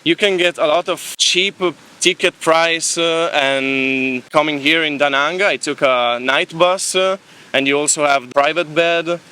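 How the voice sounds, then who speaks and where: This is a young Italian-accented man in a casual beach interview, easygoing and chatty about where he's traveled, with laughs between thoughts. The pitch is fairly high and steady, the pace a little slow, and the tone bright, forceful and clean.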